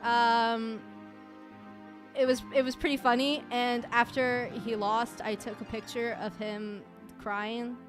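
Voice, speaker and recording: A woman streamer hosting a casual year-end awards stream, chatting with a fairly high, lively voice. She laughs often between lines, with faint music playing behind her.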